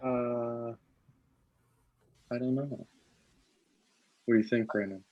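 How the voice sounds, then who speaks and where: A man from a video team answers in a hesitant way on a video call. He speaks slowly. The call audio sounds dull. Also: mid-range voice, fairly even intonation, slight background noise. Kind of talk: casual Q&A answers.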